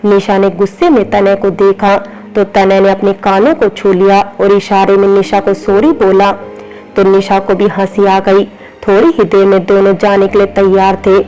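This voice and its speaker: A woman narrating a romantic family story in steady storytelling style. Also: medium pitch, poor audio. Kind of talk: scripted narration.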